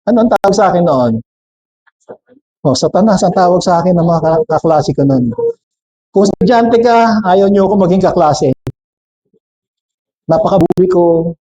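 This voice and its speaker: A man's voice: sits high, moderate pace, pauses often, warm tone, poor audio. A man with a Filipino accent preaching a sermon, switching between Tagalog and English, questioning and joking with the congregation. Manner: jokes with the congregation.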